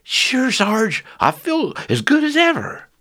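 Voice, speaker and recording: A man's voice: extremely high pitch, wildly swooping pitch, sharp tone, pitched above the performer's own voice, heavily acted. A man putting on a meek, grateful toy soldier. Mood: earnest. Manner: plaintive, eager, halting.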